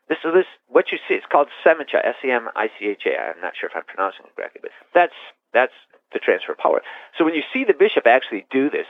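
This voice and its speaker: Gravelly-voiced priest, tinny phone line. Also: male voice, medium pitch, dry recording. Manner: rambling, animated, with restarts and laughs. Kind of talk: interview storytelling.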